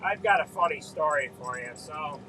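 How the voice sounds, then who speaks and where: A man's voice: a little high, moderate pace, noisy background. A man, a farmer, casually telling a story to his live stream viewers while loading hay, easygoing and laughing things off.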